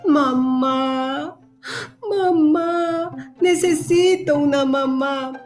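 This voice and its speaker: A woman's voice: high-pitched, expressive, takes it slowly, darkish tone, soft background music. A woman voicing a tiny, lonely little boy parrot who speaks in a pleading, childlike way. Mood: tearful.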